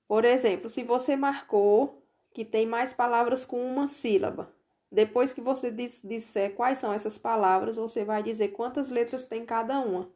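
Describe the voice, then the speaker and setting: A woman's voice: mid-range voice, darkish tone. A woman teacher with a Brazilian Portuguese accent, patiently explaining homework step by step in a recorded remote lesson and repeating each instruction. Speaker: primary school teacher.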